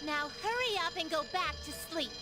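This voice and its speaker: A high-pitched, haughty little girl warden in a video game. She gives orders with scorn, her pitch leaping about over background music. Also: lively intonation, normal speed. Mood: scornful. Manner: haughty, barking commands. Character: bossy, scornful young girl prison warden. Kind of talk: scripted video game acting. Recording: game audio with music underneath.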